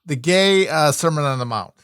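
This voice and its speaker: Man, podcast co-host, somewhat high voice, halting offhand delivery, dry sound. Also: lively intonation, fairly bright tone, clean tone, no echo. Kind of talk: casual chat.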